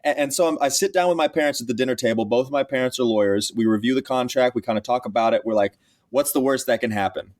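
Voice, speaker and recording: A man's voice: medium pitch, quick pace, darkish tone. A young man in his twenties from Texas, a college athlete who is the guest on a podcast interview and tells his story earnestly, with frequent restarts. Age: 20s.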